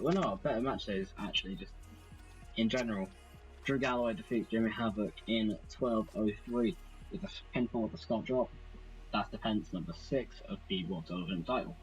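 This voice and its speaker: Rambling man, low voice. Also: poor audio. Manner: rambling, self-deprecating, chatty. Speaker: let's play host. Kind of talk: casual game commentary.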